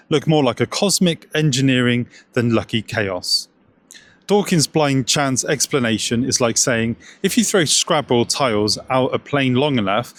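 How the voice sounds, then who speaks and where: Man, scripted commentary, sarcastic, jokey asides, mid-pitched voice.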